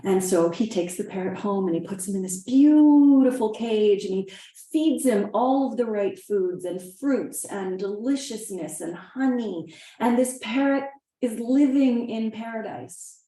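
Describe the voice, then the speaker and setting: A woman's voice: fairly high pitch, expressive, a little slow, warm tone. A woman hosting an opening ceremony, giving a casual, motivational talk and telling a story expressively. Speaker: workshop host. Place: event venue. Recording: roomy echo.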